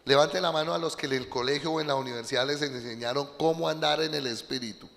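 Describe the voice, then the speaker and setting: A man preaching a sermon as pastor, emphatic and swinging between loud bursts and quiet asides, calling out to his congregation. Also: a little high, quick pace, gravelly, long reverb tail. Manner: addresses the congregation directly, calls out "Aló". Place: church.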